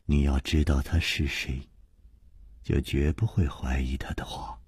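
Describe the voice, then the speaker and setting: A man voicing a poisoned, grieving woman who speaks in a low, trembling whisper. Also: fairly even intonation, a little slow, a little mellow, breathy edge, dry recording, clean studio sound, exaggerated voice. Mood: sorrowful whisper.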